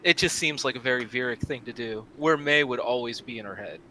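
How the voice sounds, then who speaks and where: Male tabletop player, bright mid voice, practical and plain. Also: medium pitch, brisk, slight background noise. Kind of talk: casual tabletop game chat.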